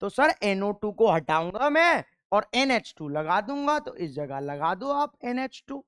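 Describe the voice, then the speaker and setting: Giving a classroom chemistry lecture, this male teacher speaks unhurriedly in a high-pitched, slightly bright, smooth voice with big pitch swings. He poses rhetorical questions and answers them himself, patiently repeating key answers for the class to drill, in clean studio sound without echo.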